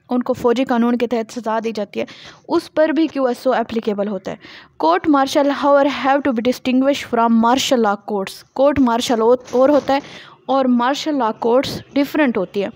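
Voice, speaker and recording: A law lecturer with a Pakistani accent reads out passages and explains them didactically, frequently posing and answering her own questions. Her voice is high-pitched with a darkish tone, and there is no echo.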